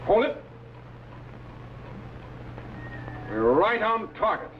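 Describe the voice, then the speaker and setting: A man's voice: high voice, big pitch swings, normal speed. A man playing a commanding, knowledgeable time-travelling captain and mentor in an old adventure serial. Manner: crisp orders, grave explanations. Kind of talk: 1950s TV adventure serial acting. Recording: dull old broadcast recording, music underneath.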